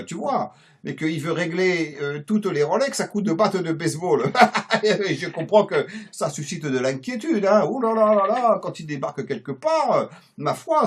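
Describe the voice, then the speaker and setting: A man's voice: a little high, breathy edge. A man playing a laid-back, nap-loving self-styled Mexican in a satirical comic monologue, rambling and folksy, with a put-on Marseille accent. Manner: rambling, folksy, full of interjections.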